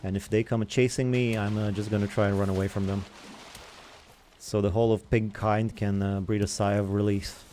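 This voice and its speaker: Low, mellow-voiced man chatting over gameplay. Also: flat delivery, normal speed, a little hiss or hum. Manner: rambling, chatty asides. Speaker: gaming channel host. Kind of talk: casual gameplay commentary.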